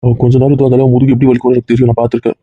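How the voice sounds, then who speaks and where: A man voicing a fiercely protective young husband in a family drama, talking in a brisk, emphatic, scolding way. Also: mid-range voice, monotone, breathy edge, close to an everyday voice. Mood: firm. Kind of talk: Tamil family drama dialogue. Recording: dull dry lo-fi recording.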